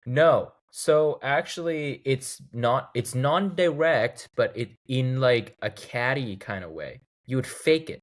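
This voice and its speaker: A man's voice: takes it slowly, hardly any pauses. A man in his thirties from Thailand, a guest chatting casually in an interview and acting out examples as he talks. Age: 30s. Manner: animated storyteller, acts out quoted lines in a higher voice. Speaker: guest, video game composer.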